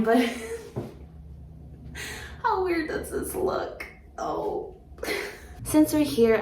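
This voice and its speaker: A woman chatting casually to camera as a houseplant vlogger, excitable and talking to her plant. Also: medium pitch. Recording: echoey room with faint background noise.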